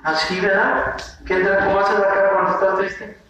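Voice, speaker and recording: A high, bright-voiced man teaches preschoolers and slips into playful voices to act out feelings. The room is very echoey, he is some distance from the mic, and there is a faint hiss behind him. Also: flat delivery, normal speed, dull audio. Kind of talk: animated lesson to young children. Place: classroom.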